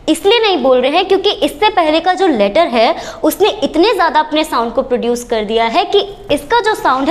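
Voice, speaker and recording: A woman gives a whiteboard lesson in a high, bright voice. She moves slowly, spells words letter by letter and answers her own questions. Each point comes unhurried and deliberate. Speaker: English teacher.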